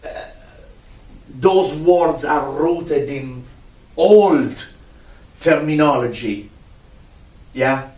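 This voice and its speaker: A man's voice: a little high, very slow, long pauses, mellow. A man teaching a one-on-one music lesson, patient, repeating himself and counting out rhythms. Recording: roomy sound from a distant mic.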